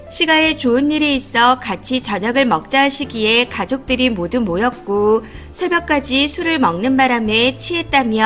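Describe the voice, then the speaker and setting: A woman's voice: fairly high pitch, fairly bright tone. A woman narrating a reader's life story in the first person, in a confiding, indignant telling.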